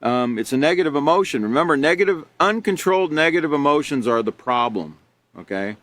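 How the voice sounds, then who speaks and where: A man's voice: fairly high pitch, animated, a little fast, a bit bright. A man teaching a live character education class, reading out examples and patiently explaining them with rhetorical questions.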